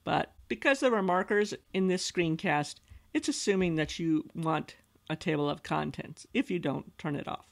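A woman calmly narrating a screencast tutorial as an instructional designer, patiently explaining each step. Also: lowish voice, normal speed, creaky. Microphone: voice-over recorded over screen capture.

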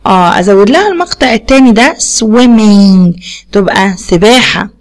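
A woman's voice: medium pitch, animated, normal speed. A woman with an Egyptian Arabic accent teaches young children English words in a recorded video lesson. She says each word twice and quizzes them with simple questions.

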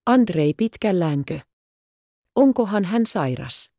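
Anxious eager young noblewoman, read by a woman narrator, warm low voice, dry dull audiobook sound. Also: animated, no echo, natural voice. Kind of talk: audiobook reading.

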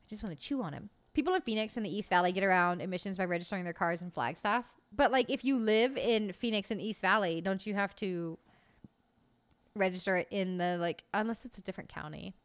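Relaxed and upbeat, a woman in her late twenties chats with her stream's live chat from an indoor room at home and swears a lot. Her voice is medium in pitch with a fairly bright tone. The audio comes through a desk mic on an arm and a headset.

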